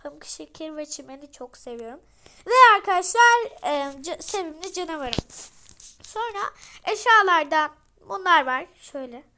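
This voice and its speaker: A young girl hosting a casual game showcase vlog, chatty and rambling with many fillers, talking loudly so she can be heard. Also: sits high, animated, moderate pace. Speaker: channel host.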